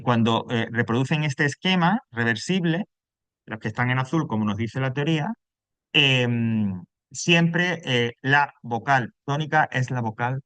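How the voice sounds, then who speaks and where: A man's voice: medium pitch, a bit bright, no echo. Andalusian man as a class teacher, patient explainer who keeps checking the students follow; dull, dry sound. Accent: Andalusian Spanish. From Andalusia, Spain.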